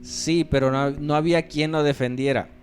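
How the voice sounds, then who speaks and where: A man's voice: fairly high pitch, steady tone, normal speed, faint music behind. A man preaching a sermon in church, acting out scenes dramatically and calling for amens. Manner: dramatic storytelling, acts out scenes and asks the congregation for amens.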